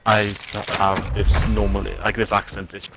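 A man's voice: on the low side, flat delivery, normal speed, over loud music. A man chatting casually while gaming, rambling and hesitant, often giggling. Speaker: teammate. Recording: heavy noise behind.

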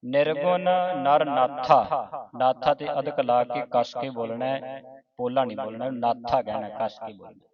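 A man teaching the pronunciation of scripture, patiently repeating each point and slowly chanting verses between his explanations. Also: medium pitch, steady tone. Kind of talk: step-by-step recitation lesson. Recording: muffled, distant with crowd behind.

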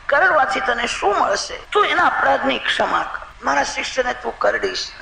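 A calm, selfless old guru, voiced by a preacher, pleads gently and humbly. The voice is very high, gravelly and bright. It carries a roomy echo. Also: male voice, normal speed, a little hiss or hum, full character voice. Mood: pleading. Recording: roomy echoing hall recording.

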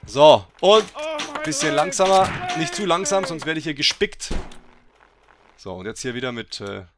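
A man giving let's play game commentary, excitable and teasing, who swears and bursts into loud yells. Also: a little high, normal speed, crowd noise. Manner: mocking, teasing banter.

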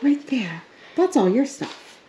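A mother talks to her small children at home in a high, sing-song voice that swoops up and down as she coaxes them along. It is a handheld home video with steady noise in the background. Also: takes it slowly. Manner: sing-song, coaxing talk to toddlers. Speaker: mother filming her toddlers. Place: family home, indoors.

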